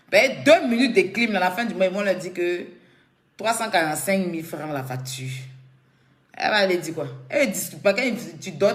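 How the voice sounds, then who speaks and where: A woman, giving casual, teasing commentary to camera and laughing often. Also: on the low side. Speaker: blogger commenting on a feud. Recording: echoey room.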